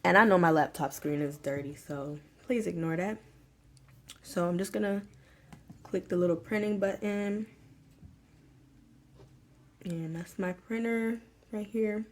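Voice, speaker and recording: A young woman with a slightly low voice talks viewers through a home craft project. She sounds casual and chatty and leans on fillers and friendly asides to her viewers. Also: measured pace, pauses often, a little hiss or hum. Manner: chatty, filler-heavy, addresses viewers as y'all and you guys. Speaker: small business owner. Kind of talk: casual tutorial vlog. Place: home room.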